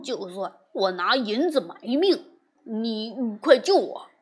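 A woman's voice: fairly high pitch, big pitch swings, slow pace, a little mellow, slightly rough, heavily acted. A woman voicing a greedy, cowardly male pig monk who whines and blusters in a storybook tale. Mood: indignant. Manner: whiny, blustering.

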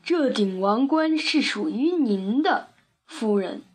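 A woman voicing a big, bossy male elephant in a storybook, loud and blustering. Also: on the high side, expressive, slow. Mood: respectful.

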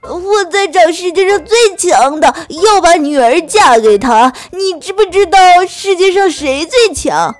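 A woman's voice: very high voice, expressive, measured pace, hardly any pauses, faint music behind, voice pushed up. A woman voicing an old male mouse village chief in a children's storybook tale, stammering and eager. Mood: eager pleading. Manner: stammering, pleading.

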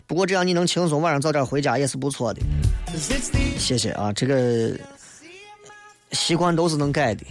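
Male radio host, Shaanxi accent, slightly high voice, blunt colloquial late-night chat over music. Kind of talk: casual late-night radio monologue, reading and answering listener messages.

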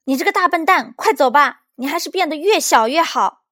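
A woman voicing an angry little boy in a storybook reading, with high, loud, indignant shouting. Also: measured pace.

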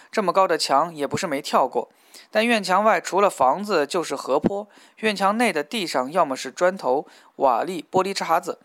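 A man narrating a novel as an audiobook in a steady, even storytelling manner. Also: a little high, no room sound, studio quality.

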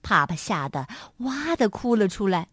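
A woman storyteller narrating a children's story, sing-song and expressive, speaking to little listeners. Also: mid-range voice, normal speed, slightly rough, dry recording, clean studio sound.

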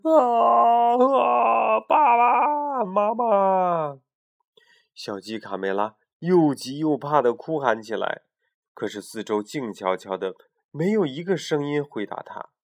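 A man in his thirties, a father reading a bedtime storybook to his child, gentle, with explaining asides. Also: mid-range voice, animated, normal speed.

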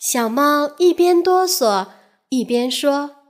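A woman reading a bedtime-style children's story, unhurried and clear. Her high voice swings widely up and down to keep the tale lively. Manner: slow, expressive, storybook cadence.

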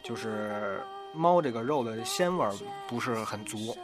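A man with a medium-pitched voice tells a story casually. His phrasing is halting and repetitive, and music plays behind him. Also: animated.

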